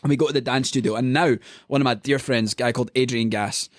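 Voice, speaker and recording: A Scottish man from Scotland, a podcast guest, telling stories in an animated, casual way. He swears freely and laughs often. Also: mid-range voice, fast, dry recording, clean studio sound. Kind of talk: casual storytelling.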